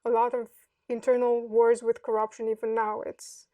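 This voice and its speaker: A woman in her thirties from Romania, answering interview questions slowly and with care, pausing often to find her words. Her voice sits fairly high but stays flat and even. It sounds dry and set back from the microphone. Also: no echo, far from the mic, muffled recording. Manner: thoughtful, hesitant, many pauses and fillers. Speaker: podcast guest.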